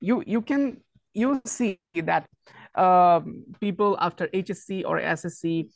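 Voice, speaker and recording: Young man, student guest, earnest, hesitant, gravelly, dry close sound. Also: sits high, unhurried, no echo. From Bangladesh. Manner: earnest, hesitant, apologetic about his English. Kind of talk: self-introduction in an online class.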